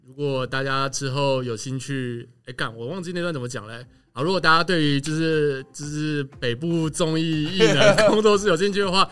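A man, speaking haltingly in casual chat and losing his place. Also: fairly high pitch, a bit bright, clean tone. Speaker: guest comedian plugging his improv studio.

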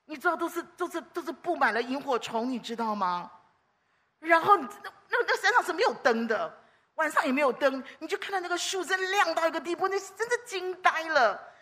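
Lady preaching, high voice, animated story-telling, lots of exclaiming. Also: a little fast. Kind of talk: sermon.

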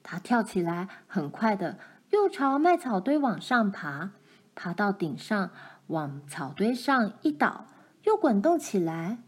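A woman reading a children's storybook chapter aloud, gentle and expressive. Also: mid-range voice, unhurried, husky.

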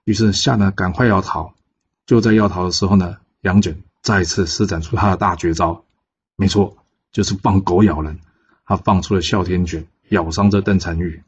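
A man with a Taiwanese Mandarin accent telling a classic tale in a casual, relaxed way, pausing often on filler particles. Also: low voice, husky. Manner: relaxed, frequent drawn-out pause particles. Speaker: storyteller. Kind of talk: casual storytelling narration. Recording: dull lo-fi podcast recording.

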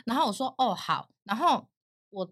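A woman, a guest telling a story in casual chat, lively and often laughing. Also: on the high side, normal speed. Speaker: guest, talent agent.

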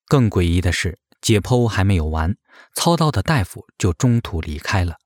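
Man, very low voice, lively intonation, dry close sound, grave scripted narration. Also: normal speed, no echo. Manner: grave, suspicious questioning tone.

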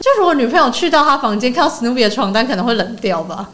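A high-voiced woman chats fast and teasingly with her co-hosts. Her pitch swings widely as she talks. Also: lively intonation, a bit bright. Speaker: podcast co-host. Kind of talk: casual chat.

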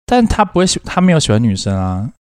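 Man telling lively stories. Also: mid-range voice, fast talker, clean tone, no room sound. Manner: animated storytelling, laughs often, acts out quoted voices. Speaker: podcast co-host. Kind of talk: casual chat.

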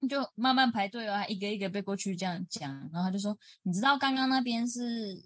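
A woman's voice: mid-range voice, fast, a bit bright, no room sound. A woman, co-hosting a podcast and telling casual anecdotes. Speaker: podcast co-host. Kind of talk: casual chat.

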